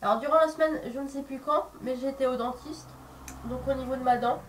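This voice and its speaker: Speaking a little fast in a high-pitched voice, a woman with a stuffy nose and sore throat from a cold vlogs casually to camera. She rambles hesitantly and hunts for words, recorded on a distant mic with faint background noise.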